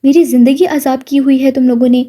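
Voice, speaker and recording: A woman's voice: sits high, steady tone. A woman voicing a bad-tempered middle-aged aunt who scolds angrily. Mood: angry. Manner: angry, shouting, scolding.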